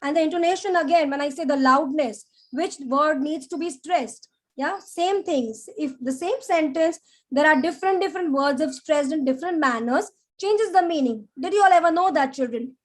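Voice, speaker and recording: A woman teaching a live public speaking class, animated and demonstrative, often checking in with "yeah?". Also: high-pitched, normal speed. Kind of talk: live online class lecture.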